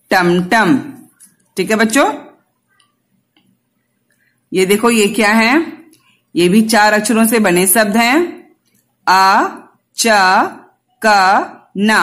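A woman's voice: mid-range voice, fairly bright tone. A woman teacher giving a Hindi lesson to young children, patiently spelling out letters and answering her own questions. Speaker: kindergarten teacher.

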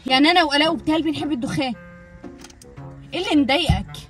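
A woman's voice: sits high, soft background music. A young woman with an Egyptian Arabic accent, chatting casually in a vlog and arguing back boldly. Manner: rapid, bold and argumentative. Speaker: vlogger wife. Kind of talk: casual prank vlog chat.

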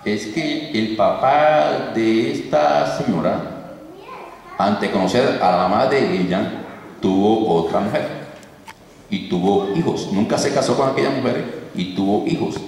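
A demon recounts an old curse in a low, unhurried voice, as a man quotes it in a sermon. The telling stays plain rather than menacing. It is heard from a distance in a big echoing hall with a faint hiss behind. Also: creaky, a little mellow. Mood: recounting. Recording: echoey hall, distant mic.

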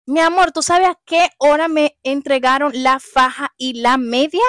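A woman's voice: high voice, moderate pace, dry recording, studio quality. A young woman with a Dominican accent telling a casual storytime vlog, retelling events dramatically and acting out what people said. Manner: animated, dramatic retelling with acted quotes, many restarts. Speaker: vlogger.

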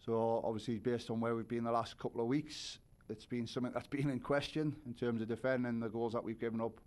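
At a postgame press conference, a forty-something head coach offers considered answers from a table with a microphone on a stand. His medium-pitched voice is level and darkish, and his pace is a little fast.

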